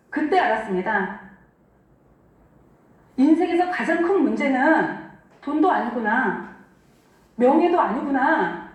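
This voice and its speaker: A woman giving an earnest, impassioned church testimony, telling her story with dramatic pauses in a church sanctuary. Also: high voice, darkish tone. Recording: echoey church hall, distant mic.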